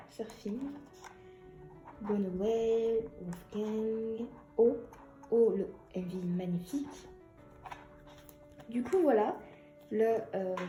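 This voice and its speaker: A young woman chatting excitedly and giggling as she unboxes an album for her vlog. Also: medium pitch, echoey room.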